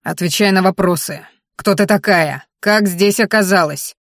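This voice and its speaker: A rough henchman barking short commands, read by a woman in her usual voice. Harsh and blunt, close to the mic in a dry space. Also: medium pitch, normal speed, dry recording, natural voice. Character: rough brutal henchman, adult man.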